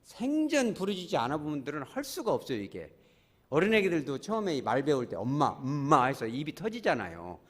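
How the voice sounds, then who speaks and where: A man's voice: fairly high pitch, a little fast. A man preaching a Sunday sermon as pastor, acting out prayers and little scenes and calling the congregation to join in. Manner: animated preaching with acted-out quotes and congregation prompts. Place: church sanctuary.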